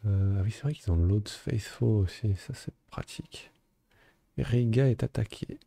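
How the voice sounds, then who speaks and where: Deep gravelly man gaming. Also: normal speed, no room sound. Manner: relaxed, thinking aloud with many fillers. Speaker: gaming video host. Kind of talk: casual let's play commentary.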